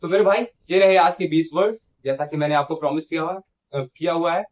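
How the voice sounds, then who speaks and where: A man's voice: fairly high pitch, fairly quick. A man teaching English vocabulary in a repetitive classroom style, repeating each word, asking it back and checking in after every phrase. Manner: ends phrases with a checking "theek hai". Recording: dull lo-fi sound.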